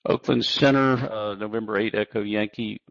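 Man, pilot on radio, choppy signal cutting in and out, low voice, dull distant sound. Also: steady tone, normal speed, creaky, no echo. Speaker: pilot calling air traffic control.

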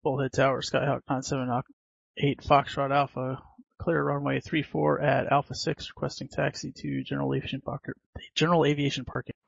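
Pilot over the radio, gravelly and dry. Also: male voice, mid-range voice, flat delivery, dry recording, dull audio. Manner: procedural, slightly halting calls. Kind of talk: aviation radio calls. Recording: dry band-limited radio transmission.

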